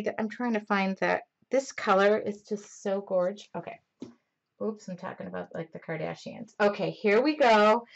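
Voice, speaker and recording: A woman hosting a live-streamed mixed media painting lesson, chatty and excitable, rambling and often talking loudly. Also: medium pitch, muffled recording, a little hiss or hum. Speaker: mixed media art instructor.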